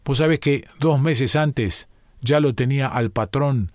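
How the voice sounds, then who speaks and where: A man's voice: medium pitch, measured pace, darkish tone, dry recording. A man with a Rioplatense Spanish accent, performing a first-person story reading in a musing, colloquial way, his phrases often falling away. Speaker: reader performing a monologue.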